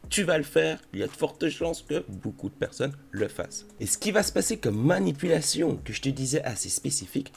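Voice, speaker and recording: A man's voice: fairly high pitch, sing-song, brisk, creaky, few pauses. A man talking casually through a crypto tutorial, addressing the viewer in a chummy way. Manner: chatty, addresses viewer familiarly. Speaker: crypto YouTuber.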